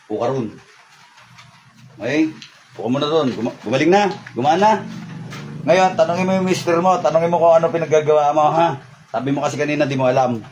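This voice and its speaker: A man leading a faith healing session, reciting rapid Latin prayers and giving short, repeated commands. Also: fairly high pitch, a little mellow, a little hiss or hum, low-quality recording. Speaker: faith healer.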